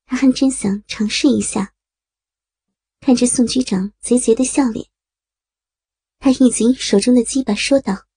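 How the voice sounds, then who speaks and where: A woman narrates an audio story in a slow, steady reading voice. Her tone is dark and very husky, with a gravelly creak and faint music underneath. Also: on the high side, no room sound.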